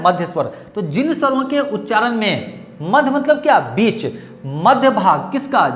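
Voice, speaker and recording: A man's voice: sits high, echoey room. A male teacher with a Bihari Hindi accent giving a grammar lesson, asking questions and answering them himself and coaxing his students. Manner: repetitive, asks and answers own questions; coaxing, calls students dear children.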